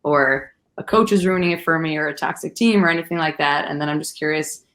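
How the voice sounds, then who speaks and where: A woman's voice: deep voice, fast, a bit bright. A young woman hosting an interview, asking long rambling questions in a chatty, encouraging way. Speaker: podcast host. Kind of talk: casual interview chat.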